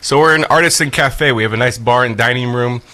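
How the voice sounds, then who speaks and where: Middle-aged male guest, bright tone, halting delivery with lots of uh's, relaxed chatty interview. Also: medium pitch. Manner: halting, many filler sounds. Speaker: pizzeria owner guest. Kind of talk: casual interview chat.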